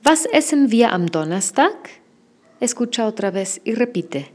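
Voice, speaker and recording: Woman, language teacher, slow deliberate delivery, patient drills, careful enunciation. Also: on the high side, sing-song. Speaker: German teacher.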